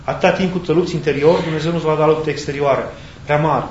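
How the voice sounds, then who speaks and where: A man preaching a sermon in a thoughtful way, pausing and searching for words as he goes. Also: fairly high pitch, fairly even intonation, a little mellow. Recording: echoey, dull sound with faint background hiss.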